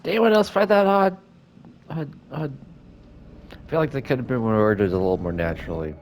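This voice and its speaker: A man's voice: mid-range voice, normal speed, slight background noise. A man giving casual gameplay commentary, making critical, nitpicking asides as he plays. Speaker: let's player.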